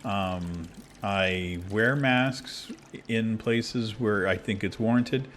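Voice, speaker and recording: Speaking very slowly in a lowish, fairly bright voice, a gaming creator chats unguardedly while playing at his computer abroad. He rambles with many fillers and restarts, and there's slight background noise.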